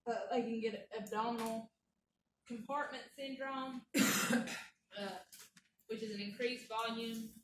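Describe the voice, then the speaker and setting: A woman's voice: on the high side, fairly even intonation, a little slow, long pauses. A woman giving a folksy, chatty nursing lecture in a classroom. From Kentucky. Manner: folksy, chatty, stops for war stories. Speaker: nursing instructor. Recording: roomy classroom, mic far off, noisy.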